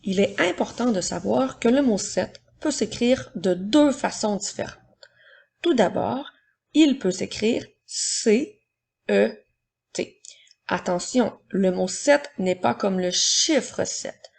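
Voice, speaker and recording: A woman teacher giving a slow, patient spelling and dictation lesson for young children, explaining step by step. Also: medium pitch, animated, vocal fry, a little mellow, slightly rough. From Quebec, Canada.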